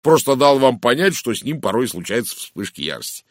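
Brash blustering businessman, raised and pushy, lively swings, as a male reader puts him on. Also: mid-range voice, brisk, dry recording, studio quality, pitched above the performer's own voice. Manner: boisterous, blustering, gossiping. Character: loud brash vulgar middle-aged English businessman.

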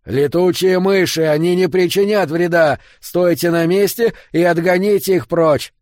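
Gruff, foul-mouthed leader barking loud, raised-pitch orders, as a male narrator puts him on; audiobook character voice, dry close sound. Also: normal speed, dry recording, lightly acted. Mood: shouting orders. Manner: shouting, swearing, counting out orders. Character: gruff commanding man, foul-mouthed and forceful.

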